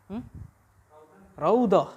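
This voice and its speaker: A woman's voice: mid-range voice, expressive, extremely slow, dark tone, husky, lo-fi sound. A woman teaching Arabic grammar, often leaving a sentence open for students to finish. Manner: quizzes the class with half-finished questions. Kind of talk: classroom lesson.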